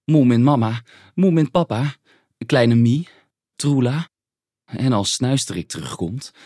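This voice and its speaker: A man playing Moomin, a gentle young troll. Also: medium pitch, expressive, unhurried, dry recording, studio quality. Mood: wistful.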